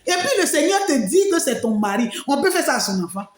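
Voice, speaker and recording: A woman's voice: sits high, very animated, quick pace, echoey room. A woman giving an emotional personal testimony, telling her story expressively with frequent exclamations. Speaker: testimony speaker.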